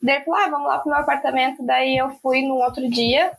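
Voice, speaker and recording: Chatty high-voiced woman telling stories. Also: steady tone, quick pace, very noisy. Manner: chatty storyteller, laughs often. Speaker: podcast guest. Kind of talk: casual podcast chat.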